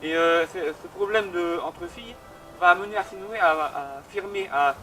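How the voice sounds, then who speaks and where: A man's voice: high voice, moderate pace, sharp tone, a little hiss or hum, rough recording. A young man hosting a casual literature explainer, joking at his own remarks and hesitating often. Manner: jokey, self-mocking asides and many hesitations. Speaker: host. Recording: clear background music under voice.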